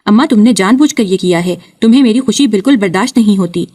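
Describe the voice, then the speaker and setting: A woman's voice: expressive, dark tone, natural voice. Woman voicing a spiteful young daughter-in-law. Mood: tearful. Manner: shrill, accusing.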